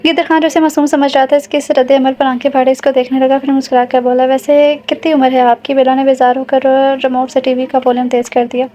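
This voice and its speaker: A woman narrating a romance audio novel in a steady storytelling way, with the odd restart. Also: high voice, fast, few pauses. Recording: dull recording with faint hiss.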